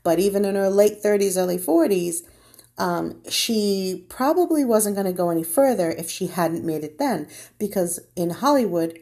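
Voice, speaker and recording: A woman's voice: medium pitch, mellow. A woman talking through a rambling, opinionated gossip monologue, often dropping into sarcastic, mocking quotes. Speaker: gossip vlogger.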